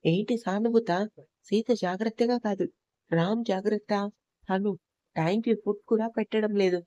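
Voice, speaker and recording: A woman's voice: medium pitch, fairly even intonation, normal speed, mellow, no echo, dull audio, lightly acted. A woman voicing an angry, resentful young man in a storybook reading, speaking scornfully.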